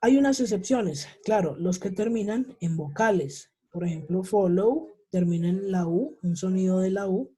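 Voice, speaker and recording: A man teaching an English class over a video call. He explains patiently, checks in with his students after almost every point and repeats example words slowly. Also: high voice, dark tone, slightly rough. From Colombia.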